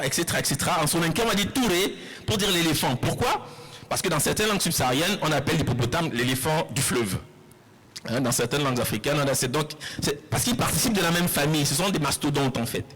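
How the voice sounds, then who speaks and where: A man giving a public lecture, explaining step by step, repeating words slowly and putting questions to the audience. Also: high-pitched, a bit bright, breathy edge, low-quality recording. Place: lecture hall.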